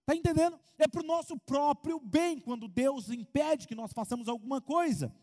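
A man preaching a sermon as pastor, in an animated way. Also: very high-pitched, moderate pace, big-room sound. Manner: animated preaching, acts out congregants' voices.

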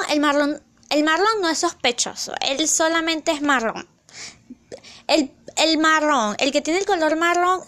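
A young woman chatting in a casual vlog, excitable and rambling, loud at times and slipping into English phrases. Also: sits high. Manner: loud, near shouting at times. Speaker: vlogger.

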